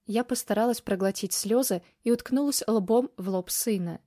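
A woman's voice: on the high side, moderate pace, mellow, no echo. Woman narrating an audiobook, intimate and emotional, dry close mic. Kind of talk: first-person novel narration. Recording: dry close studio sound.

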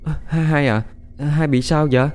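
A man puts on a timid little girl in a spoken ghost story, raising his voice high. She pleads anxiously. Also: a little slow, a little mellow, natural voice. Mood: frightened. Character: timid little village girl, the younger sister.

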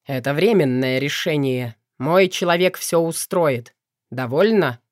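A man's voice: a little high, measured pace, no room sound, clean studio sound. A man narrating an audiobook in first person, curt and irritable.

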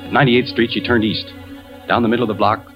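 An American actor speaks fast in a level, medium-pitched voice close to everyday speech. He's playing a suspicious, tormented husband and insurance investigator in a 1940s radio drama, delivering brooding, tense first-person suspense narration over a dull old recording with music.

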